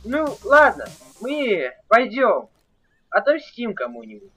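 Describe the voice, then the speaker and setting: A man's voice: high voice, wildly swooping pitch, takes it slowly, bright, forceful tone, faint music behind, rough recording. A man acting out and narrating an improvised video game skit.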